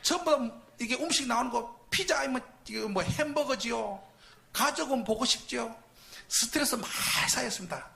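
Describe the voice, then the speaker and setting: Animated high-pitched preacher. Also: male voice, a little hiss or hum. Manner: animated storytelling with shouted reenactments. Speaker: preacher at a Friday night service. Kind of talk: storytelling sermon testimony. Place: church sanctuary.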